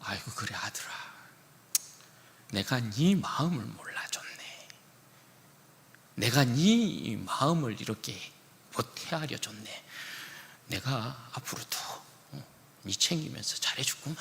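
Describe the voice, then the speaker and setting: A pastor voicing a gentle older father who quietly coaxes and consoles his son, in a sermon. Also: medium pitch, moderate pace, vocal fry, pitched below the performer's own voice. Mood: tender. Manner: soft, hushed and tender. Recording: echoey church hall.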